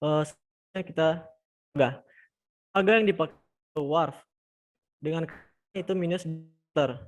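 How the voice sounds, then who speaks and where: A man giving an online project presentation, speaking haltingly while his audio breaks up over a bad internet connection. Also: on the high side. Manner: halting, hesitant delivery. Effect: choppy audio over a bad internet connection. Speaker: student presenter. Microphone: video call.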